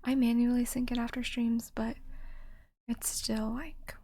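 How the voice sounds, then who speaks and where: A woman whispering fast and softly in a chatty ASMR livestream, often repeating words in quick bursts. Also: on the high side, flat delivery. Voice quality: soft, mostly unvoiced whisper. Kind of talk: whispered ASMR casual chat with viewers.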